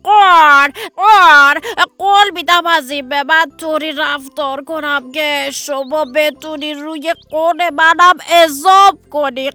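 A woman's voice: extremely high pitch, lively intonation, hardly any pauses, pushed and bright, no room sound, voice pushed up, full character voice. Woman doing a sleepy cawing crow. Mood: sorry.

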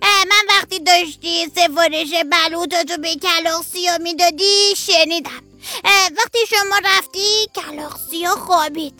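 A woman's voice: very high voice, pushed and bright, faint music behind, pitched above the performer's own voice, full character voice. Woman doing a tiny helpful child. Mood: reassuring. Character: little helpful child, kind and reassuring.

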